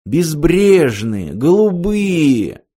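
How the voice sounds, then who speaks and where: A man's voice: on the high side, very animated, a little slow, darkish tone, slightly rough, heavily acted. A man reading aloud voices an earnest young man stranded far from home, who speaks eagerly and with wistful sighs.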